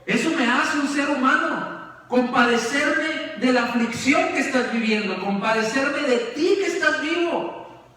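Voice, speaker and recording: A man preaching a sermon with dramatic swings, raising questions and dropping to hushed, low emphasis. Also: unhurried, slight background noise. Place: church sanctuary. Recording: echoey church hall, far from the mic.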